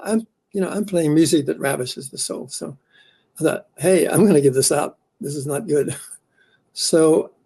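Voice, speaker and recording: Mellow-voiced older man telling his story. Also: a little high, vocal fry. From born in the Netherlands, raised in New Zealand. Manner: reflective, unhurried, with frequent pauses and fillers. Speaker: guest scholar. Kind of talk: interview, personal storytelling.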